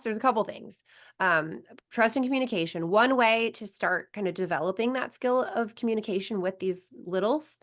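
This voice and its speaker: A woman in her thirties, a coach talking on a podcast in a lively, chatty way and acting out the voices of people she quotes. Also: medium pitch. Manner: animated storyteller, acts out quoted voices. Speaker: sports psychology coach, podcast guest. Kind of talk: casual podcast conversation.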